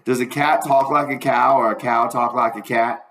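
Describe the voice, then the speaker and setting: A man's voice: medium pitch, fairly even intonation, normal speed, gravelly, a bit bright, voice pushed up. Man reading as Huck, plainspoken country boy, echoey. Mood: patient persuading. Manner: plain, colloquial, explaining. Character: plainspoken country boy Huck, patient, matter-of-fact explainer. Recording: roomy, echoing room.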